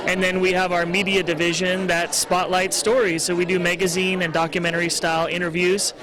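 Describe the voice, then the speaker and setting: A man with a high-pitched voice answers as an interview guest. He explains things casually and earnestly. Crowd noise is clearly present around him. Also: little pitch movement, fairly quick, low-quality recording. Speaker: interview guest, show founder. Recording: event crowd noise behind.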